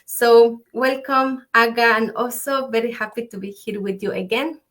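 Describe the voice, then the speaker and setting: A woman from Ecuador, hosting a conversational online talk and speaking haltingly with many fillers. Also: fairly high pitch, fairly even intonation, fairly bright tone. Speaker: host.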